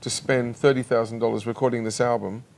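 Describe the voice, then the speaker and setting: A man talks as a guest on a TV studio couch. His voice has a gravelly, creaky edge. He tells his stories in a chatty, halting way, often restarting his sentences. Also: mid-range voice, flat delivery, darkish tone. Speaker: singer and actor guest. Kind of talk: casual interview chat. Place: television studio.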